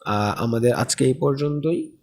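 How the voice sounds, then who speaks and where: A man's voice: medium pitch, a little slow. A man teaching an Arabic course, explaining step by step and often checking with questions. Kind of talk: recorded lesson lecture.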